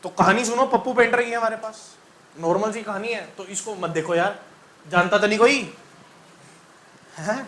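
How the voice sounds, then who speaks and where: A male chemistry teacher runs a lively classroom lesson. His voice sits high and sounds bright. He quizzes students in call-and-response style and throws in jokes and sung mnemonics. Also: moderate pace, long pauses, slight background noise.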